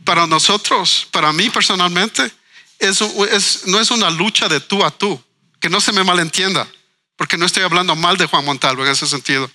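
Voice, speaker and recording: Guy in a panel talk, high and very bright voice, keeps repeating himself as he thinks. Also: normal speed. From Ecuador. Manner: earnest, questioning, repeats words while thinking. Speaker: writer and cultural manager guest. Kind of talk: reflective panel discussion.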